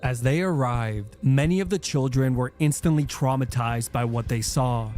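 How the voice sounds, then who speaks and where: A man's voice: mid-range voice, moderate pace, darkish tone. A man reading scripted documentary-style countdown narration as a video narrator.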